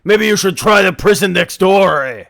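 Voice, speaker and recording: A man voicing a gruff, bigoted male prison governor with a put-on Scottish accent, gravelly and blustering. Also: sits high, animated, moderate pace, soft background music, pitched above the performer's own voice, exaggerated voice. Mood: hostile. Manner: blustering, shouting, hostile. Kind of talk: amateur game voice-over.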